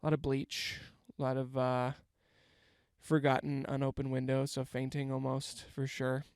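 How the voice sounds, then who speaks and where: A young man hosts a rambling, self-mocking comedy podcast from a parked van, talking into a handheld mic in a casual comedic monologue. His medium-pitched voice is stuffy and congested, a little mellow and smooth, delivered completely flat at a moderate pace, with no echo.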